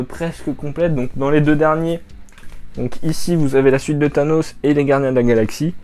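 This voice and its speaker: Mellow-voiced man reviewing comics. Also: fairly low pitch. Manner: rambling with many fillers. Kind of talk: casual review vlog.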